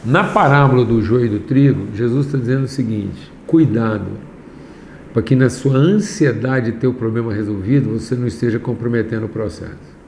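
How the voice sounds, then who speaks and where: A man preaching a sermon as a class lesson, slow and emphatic, rising to raised lines and dropping to hushed ones. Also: mid-range voice. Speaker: pastor teaching a class. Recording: echoey room, faint background noise.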